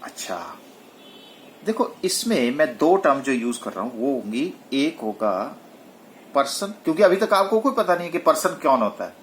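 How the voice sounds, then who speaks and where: A male tax lecturer with a lively, swinging voice, explaining step by step. He keeps asking students questions and then answers them himself, often switching to English technical terms. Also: on the high side, normal speed, slight background noise. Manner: mixes English technical terms into his speech. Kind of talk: recorded classroom lecture.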